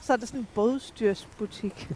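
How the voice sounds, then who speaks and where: A woman's voice: on the high side, a little mellow, poor audio. A woman shares casual chat and little anecdotes. She is outdoors by the water, with faint ambient noise behind her. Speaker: angler.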